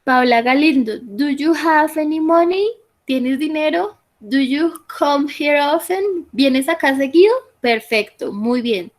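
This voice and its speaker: Woman teacher on a video call, highish voice, slow and patient, keeps checking the students get it. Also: poor audio. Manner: patient, explanatory, repeats "¿listo?" to check understanding. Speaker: English teacher. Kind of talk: online class, reading student answers and correcting.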